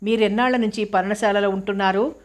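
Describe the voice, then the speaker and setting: A woman's voice: medium pitch, fairly even intonation, quick pace, lightly acted. A woman reading the part of a stern male public prosecutor who questions with pointed sarcasm. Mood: probing.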